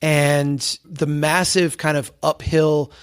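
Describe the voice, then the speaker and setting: With a little high, clear, resonant voice, he speaks slowly and in a flat delivery. The speaker is an American man in his forties, a podcast guest advocating for towns, who earnestly sets out his opinions with conviction and leans on rhetorical contrasts.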